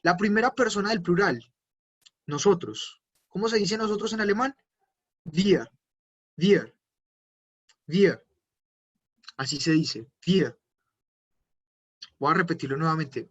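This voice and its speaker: High-voiced man teaching a class. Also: expressive, husky, highs cut off. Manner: patient, repeats words slowly for students. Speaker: German teacher. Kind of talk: online language class.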